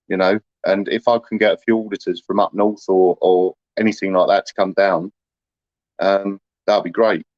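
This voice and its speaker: A man's voice: sits low, fairly even intonation, moderate pace, darkish tone, no room sound, lo-fi sound. A man, chatting casually to livestream viewers in a rambling, aggrieved way, full of "you know".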